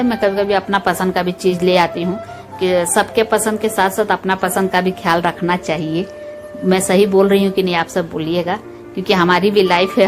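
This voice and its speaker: Chatty home vlogger woman over music. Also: mid-range voice. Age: adult, mother of school-age children. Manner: chatty and homely, talks directly to viewers. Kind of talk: casual chat narrating a cooking routine. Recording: voice under loud background music.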